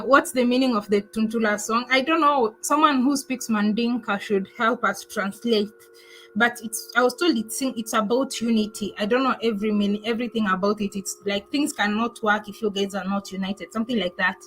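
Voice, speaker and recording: A woman's voice: on the high side, fairly even intonation, fairly quick, fairly bright tone, a little hiss or hum, poor audio. A woman travel vlogger chatting casually on a livestream, thanking viewers and answering their comments. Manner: chatty, thankful, laughs often, many fillers.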